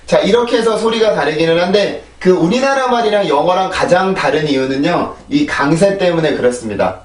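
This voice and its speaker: A man's voice: sits high, animated, brisk, reverberant, distant mic. A man with a Korean accent teaching English pronunciation, explaining patiently and drilling words in repeated sets. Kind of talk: pronunciation lesson. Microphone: clip-on mic on a phone camera.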